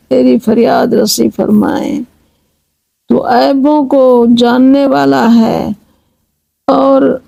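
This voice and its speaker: A woman slowly chanting devotional verses in a pleading tone, then explaining each line in measured speech. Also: on the high side, creaky, mellow, dry recording, low-quality recording. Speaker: religious reciter and translator. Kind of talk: devotional recitation with line-by-line translation.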